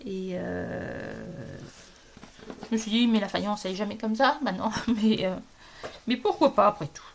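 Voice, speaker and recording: A woman's voice: medium pitch, expressive, moderate pace, gravelly, slight background noise. A woman from France chatting casually about her coloured pages as a hobby vlogger, hesitant and often searching for words.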